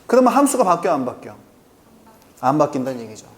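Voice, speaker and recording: A man teaching a math lesson, who keeps asking the class quick questions and then answers them himself. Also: on the high side, very animated. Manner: keeps checking in with quick rhetorical questions to students; answers his own questions aloud.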